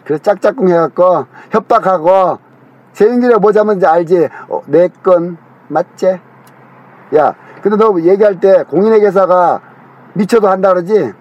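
A man's voice: high-pitched, moderate pace, darkish tone. A middle-aged man in a heated phone call with his younger brother, rambling, accusing and scolding him.

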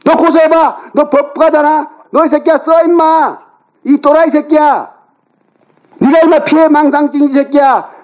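A man with a very high, strained-sounding voice tears into someone during a phone argument. He shouts, berates and throws insults without letting up, his tone harsh and relentless. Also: fairly even intonation, moderate pace, poor audio.

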